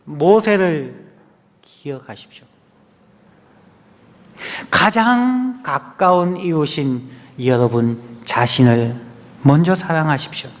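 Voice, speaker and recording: A male pastor preaching an earnest sermon in a church, swinging between strong stresses and hushed, almost whispered phrases. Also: fairly high pitch, animated, takes it slowly, pauses often. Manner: earnest preaching, rising and falling between loud stress and soft near-whispers. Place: church sanctuary. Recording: long church hall reverb.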